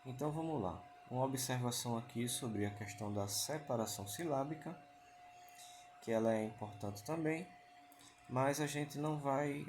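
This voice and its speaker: A man's voice: medium pitch, darkish tone, slight background noise. A man teaching an online lesson. He explains patiently, repeating key points and asking rhetorical questions.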